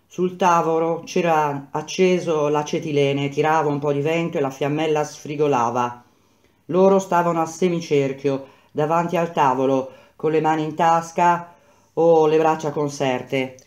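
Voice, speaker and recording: A woman reading a novel aloud, narrating in a calm, measured way. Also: low-pitched. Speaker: reader. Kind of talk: literary read-aloud narration.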